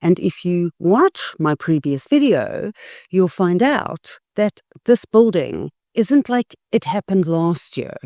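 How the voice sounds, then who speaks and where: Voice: medium pitch, big pitch swings, slow pace, warm tone, no echo, clean studio sound. A political YouTuber, giving emphatic, scathing commentary and leaning hard on key words. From South Africa. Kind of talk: opinionated political commentary vlog.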